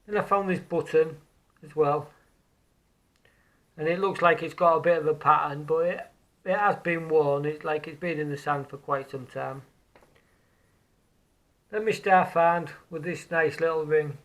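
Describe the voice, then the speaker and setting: A man with a somewhat raised pitch talks casually outdoors on a beach. He muses over his metal detecting finds in a relaxed, unscripted way. He hesitates and often repeats a word before going on. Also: measured pace, pauses often, rough recording. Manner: musing, hesitant, repeats words while looking at finds.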